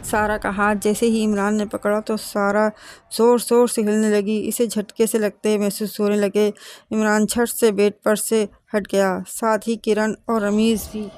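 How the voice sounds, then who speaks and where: A woman telling a horror story as scripted narration, reading in a steady, even way. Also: mid-range voice, smooth.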